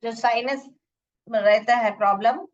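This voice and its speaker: A woman teaching English in a lesson, repeating words slowly to drill pronunciation. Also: fairly high pitch, steady tone, far from the mic, dull audio. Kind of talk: bilingual classroom lesson. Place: room with a board.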